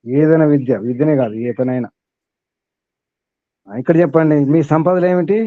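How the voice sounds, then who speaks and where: A man's voice: a little high, normal speed, no room sound, phone-quality sound. Man teaching, firing questions at listeners. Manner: questioning listeners, long lists. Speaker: spiritual teacher. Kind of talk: teaching sermon to a small group.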